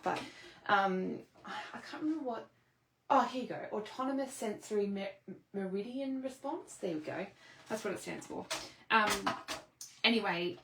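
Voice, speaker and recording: A woman's voice: lowish voice, creaky, poor audio. A woman demonstrating papercraft in a casual tutorial, chatty and rambling, often breaking off mid-thought. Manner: rambling, chatty, self-interrupting. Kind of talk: casual craft tutorial chat.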